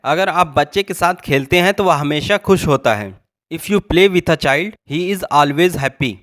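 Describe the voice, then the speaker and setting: A man gives an English grammar lesson in a voice that sits a little high. He explains each point patiently and goes over it again. He slows right down when he reads out the English example sentences. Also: a bit bright. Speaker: English teacher. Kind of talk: Hindi-language grammar lesson.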